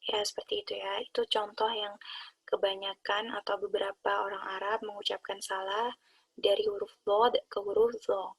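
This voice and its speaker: A woman calmly explaining Quran recitation rules to her students. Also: medium pitch, moderate pace, gravelly, slightly rough. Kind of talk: explaining a lesson.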